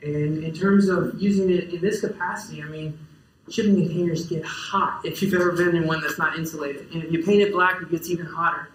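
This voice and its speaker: A man's voice: fairly high pitch, steady tone, fairly quick, a bit bright. Young man presenting in an echoey lecture hall. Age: young adult. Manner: casual, many fillers and restarts. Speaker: farmer giving a talk. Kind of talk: conference presentation. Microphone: distant camera in the audience. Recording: roomy lecture hall echo.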